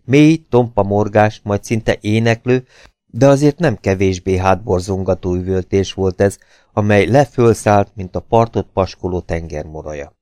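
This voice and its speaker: Brief: male narrator, low warm tone, dry close sound, measured dramatic reading. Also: dry recording. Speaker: audiobook reader. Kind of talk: scripted narration.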